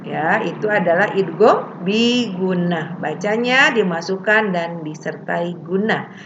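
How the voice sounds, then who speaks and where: A woman teaching Quran recitation rules, explaining plainly and chanting the verses slowly. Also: on the low side, animated. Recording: dull lo-fi recording with faint hiss.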